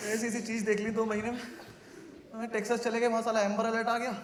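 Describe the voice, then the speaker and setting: A young man from India doing stand-up comedy. He tells stories in a sardonic, conversational way, with sudden loud outbursts. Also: extremely high pitch, completely flat delivery, fast. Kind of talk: stand-up comedy with crowd work. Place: live comedy venue with audience laughter. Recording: noisy live show recording.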